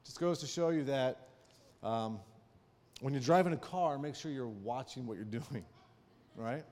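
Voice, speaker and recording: A man's voice: medium pitch, a little slow, a little mellow, in a large hall. A man preaching a sermon, telling a personal story in a folksy way with frequent "right?" asides. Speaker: pastor.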